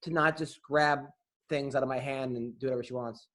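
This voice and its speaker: A man's voice: medium pitch, fairly even intonation, a little fast, a bit bright. A man on a podcast talking casually as an unsure new father who rambles while asking for parenting advice. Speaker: podcast co-host. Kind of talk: casual chat.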